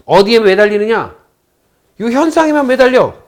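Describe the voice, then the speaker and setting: Lively high-voiced man lecturing. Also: moderate pace. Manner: acts out both sides of a phone call, asks the class questions. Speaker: saju fortune-telling lecturer. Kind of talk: lecture with a story told to students.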